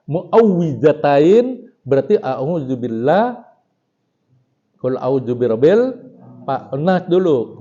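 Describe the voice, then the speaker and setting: Slow lively-pitched male religious teacher. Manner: chants Arabic text slowly, then explains casually with chuckles. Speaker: Islamic scholar teaching a religious text. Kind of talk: religious study lecture. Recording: dull lo-fi recording.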